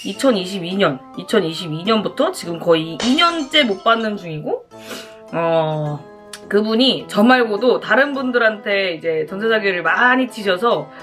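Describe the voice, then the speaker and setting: A woman's voice: mid-range voice, a bit bright. A woman chatting casually to viewers as a mukbang host, talking between bites while she eats.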